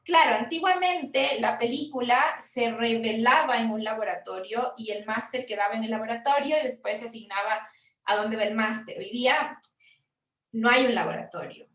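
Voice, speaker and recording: A Chilean woman, a film producer, explaining funding forms in a frank, conversational workshop talk with quick asides. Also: fairly high pitch, a bit bright, roomy sound, recorded from a distance. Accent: Chilean Spanish.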